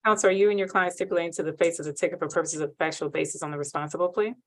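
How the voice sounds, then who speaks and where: A woman judge with a low voice moves quickly through a court hearing, heard on a courtroom recording. She is brisk and formal and reads the set procedure by rote. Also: steady tone.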